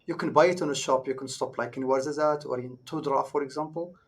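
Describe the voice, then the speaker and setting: A man's voice: medium pitch, steady tone, fast talker. Moroccan-accented man explaining things casually. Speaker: guest local expert. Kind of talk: casual live Q&A.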